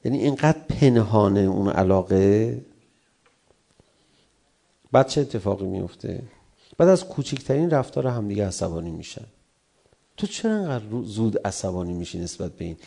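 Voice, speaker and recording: A middle-aged male cleric preaching with a gravelly, fry-laden voice. His tone is dark and mellow. He talks in animated swings, leaping high for emphasis and dropping back to a low murmur. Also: pauses often. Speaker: cleric giving a religious talk. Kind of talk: sermon on family and anger.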